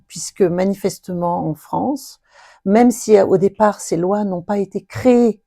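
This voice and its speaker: A woman's voice: mid-range voice, vocal fry, mellow. A woman hosting an interview, asking long, formal questions. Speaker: host, interviewer.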